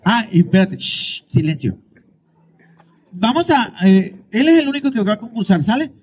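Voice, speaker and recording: High, lively Mexican comic man. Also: slightly rough. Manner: teasing, rapid, mock-dramatic outbursts. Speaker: street comedian hosting a kids' contest. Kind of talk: comic crowd banter with a mic. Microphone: handheld mic.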